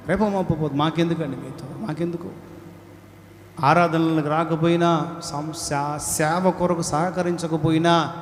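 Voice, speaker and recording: A man delivers a fervent sermon in a high voice, urging his listeners to answer aloud. The recording is roomy and reverberant, like a large church hall. Faint ambient noise sits underneath. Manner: exhorting, calls for congregational responses; dramatic wailing laments in a raised voice. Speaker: pastor. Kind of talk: Telugu sermon to a congregation.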